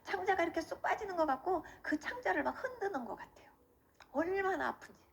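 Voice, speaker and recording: High, lively woman telling her testimony. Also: fast talker, gravelly. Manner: vivid storyteller who acts out the quoted voices; emotional and earnest. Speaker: testimony speaker. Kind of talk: personal faith testimony.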